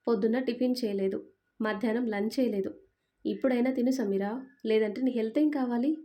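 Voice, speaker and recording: A caring young husband, calm and earnest, soothing his wife in a family storybook as a woman reads his part. The voice stays warm and mellow, with no real attempt to sound like a man. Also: fairly high pitch, a little fast, lightly acted.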